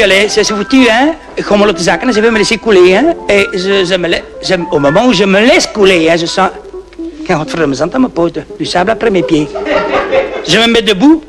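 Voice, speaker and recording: Male comedian as a Flemish peasant storyteller, high-pitched voice, rambling French full of "hein" and Dutch oaths, old vinyl with music. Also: close to an everyday voice. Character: boastful Flemish peasant man telling tall tales. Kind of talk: comic monologue in broken French. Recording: old 1960s record with music.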